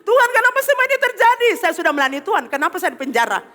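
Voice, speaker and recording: A woman's voice: very high-pitched, big pitch swings, very fast, sharp tone, voice pushed up, full character voice. A woman voicing a lonely, despairing male apostle in prison who wails out pleading questions, in a sermon. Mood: anguished. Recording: long hall reverb.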